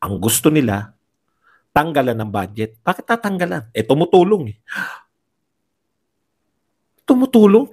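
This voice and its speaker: A man from the Philippines giving sarcastic political commentary for a vlog, firing rhetorical questions and mocking his opponents with polite markers. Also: a little high.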